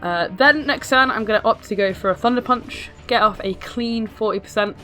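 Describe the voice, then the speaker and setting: A woman with a hoarse, sick-sounding smoker's rasp, giving casual, sarcastic, sweary game commentary. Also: fairly high pitch, moderate pace, bright, forceful tone. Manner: sarcastic, self-deprecating, sweary. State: ill, hoarse. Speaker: video host narrating own battle. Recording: music behind the voice. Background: music.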